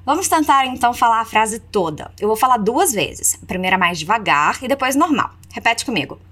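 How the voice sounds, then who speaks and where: Lively woman teaching English. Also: on the high side. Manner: slows down to model English phrases, then explains in Portuguese. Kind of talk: language lesson with repeat-after-me drills.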